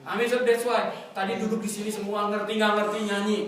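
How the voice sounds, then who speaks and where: A man from Indonesia preaching a sermon in a lively, joking way, drawing call-and-response from the congregation. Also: sits high, fast talker, far from the mic, a crowd in the background. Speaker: pastor. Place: church fellowship hall. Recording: echoey hall, mic from afar, congregation.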